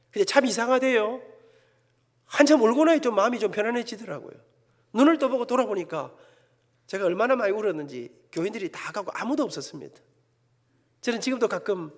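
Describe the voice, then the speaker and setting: A man, a church elder with a Gyeongsang Korean accent, preaching an emotional sermon and telling his own story dramatically. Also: sits high. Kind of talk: sermon with personal testimony. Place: church sanctuary. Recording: long church hall reverb.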